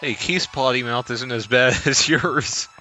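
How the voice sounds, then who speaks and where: A man calmly narrating his own play in casual gameplay commentary. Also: mid-range voice, unhurried, soft background music. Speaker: let's play host playing the game.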